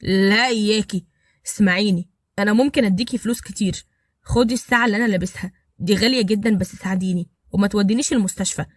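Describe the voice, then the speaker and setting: A tough, fearless mafia smuggler voiced by a woman speaks in Egyptian Arabic, cool, blunt and defiant. The lines come very quickly in a dry, close storybook reading. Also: medium pitch, no room sound, lightly acted. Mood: urgent.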